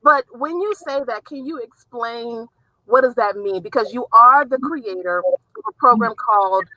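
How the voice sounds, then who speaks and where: A woman's voice: on the high side, expressive, moderate pace, sharp tone, no echo, rough recording. A woman with a New Orleans accent, hosting a casual interview with enthusiastic, talkative energy. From South Louisiana. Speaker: host.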